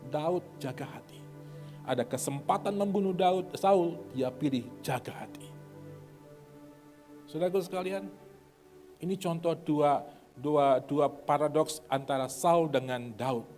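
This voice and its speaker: A middle-aged man from Indonesia preaching a sermon, swinging between loud urging and soft asides. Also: on the high side, measured pace, pauses often, soft background music. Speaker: pastor.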